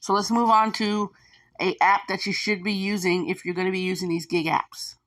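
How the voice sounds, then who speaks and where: Medium-pitched and slightly bright, this woman's voice comes at a normal speed with flat delivery. She's a gig delivery driver vlogging casual advice for viewers, chatty, prone to repeating herself, and heavy on fillers.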